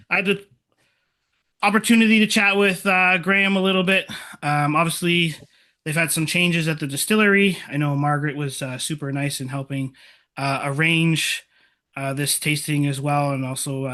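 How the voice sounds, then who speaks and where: A man with a fairly high, bright and crisp-edged voice presents casually to an online group. His delivery is informal and keen, like someone chatting through an introduction.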